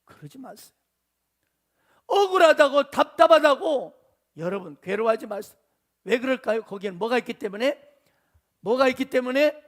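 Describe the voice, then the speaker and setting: A man's voice: very high voice, animated, moderate pace, long pauses. A man preaching a sermon to a congregation, asking them questions and voicing the Bible figures in the story. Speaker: pastor.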